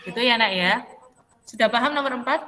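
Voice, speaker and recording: A woman's voice: on the high side, a little fast, sharp tone, in a large hall, soft background music. A woman teaching a math class, patiently questioning students and calling them by name.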